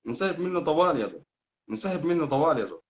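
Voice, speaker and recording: Speaking fast in a fairly high, very animated voice, a man with a Sudanese Arabic accent hosts a heated political live stream. He rants and hurls the same insults over and over, and the sound is dull and lo-fi.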